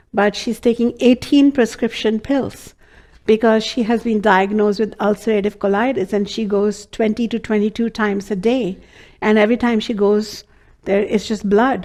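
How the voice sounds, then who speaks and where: Lecturing her students on Ayurveda, an Indian-accented woman earnestly recounts a case study, using lots of filler words. She speaks at medium pitch with a slightly mellow quality.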